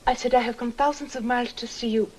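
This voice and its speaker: An actress in her twenties playing a forward young Swedish visitor, with a Swedish accent and a soft, teasing manner, in 1960s film acting. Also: on the high side, steady tone, fast, slight background noise, lightly acted, low-quality recording. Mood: coy. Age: 20s.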